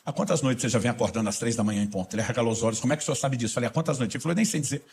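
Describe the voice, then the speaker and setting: A middle-aged man preaching a sermon as a pastor, acting out dialogue with rising emphasis and a husky voice. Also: mid-range voice, racing, a little mellow.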